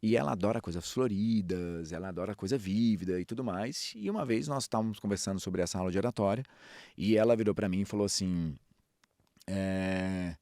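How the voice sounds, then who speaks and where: A man who speaks and coaches public speaking, talking in a storytelling way, with lively jumps in pitch and pace. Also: fairly quick, no echo, clean studio sound. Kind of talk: podcast talk on public speaking.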